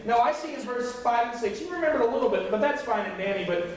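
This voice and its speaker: A man's voice: extremely high pitch, animated, quick pace. Young male youth pastor preaching. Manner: conversational, joking, acts out quoted voices. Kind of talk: sermon. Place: church sanctuary. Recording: echoey room from far off.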